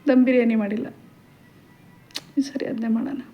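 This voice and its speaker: A mother in her forties with a Kannada accent teases and bosses her daughter in a high, bright voice. She laughs easily and keeps the talk casual in a home kitchen at night. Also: steady tone, moderate pace, highs cut off, faint music behind. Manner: teasing, bossy, laughing. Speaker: vlogger, mother. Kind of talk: casual family chat.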